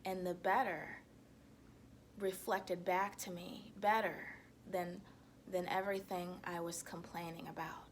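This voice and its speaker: A woman giving a reflective self-help monologue to viewers, speaking in a deliberate, halting way with emphatic repetition. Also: lowish voice, flat delivery, slight background noise.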